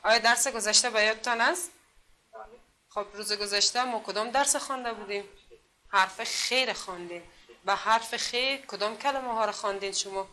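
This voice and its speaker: A literacy teacher from Afghanistan works with adults in a classroom, patiently drilling them through repeated questions. Her voice leans high and sounds pushed and bright.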